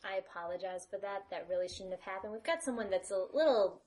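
A woman's voice: mid-range voice, fast, darkish tone, slight background noise. A woman speaking in character as a player in a tabletop game, hesitant and full of fillers and restarts. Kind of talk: in-character tabletop role-play.

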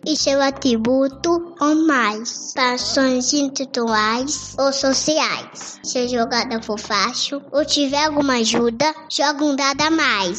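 A woman's voice: high-pitched, fairly bright tone. A female speaker with a Brazilian accent, reading out a scripted explanation of game rules.

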